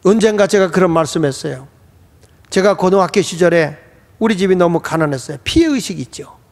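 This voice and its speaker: A male pastor preaching a sermon emphatically, his voice swelling into exclamations, in a church sanctuary. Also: sits high. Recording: echoey church hall.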